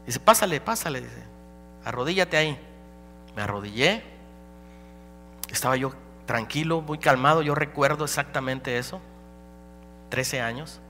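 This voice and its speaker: A man preaching a dramatic personal testimony as a pastor, swinging between loud and hushed. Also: mid-range voice, measured pace, long pauses, soft background music. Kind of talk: sermon testimony. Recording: live hall recording with reverb and hum.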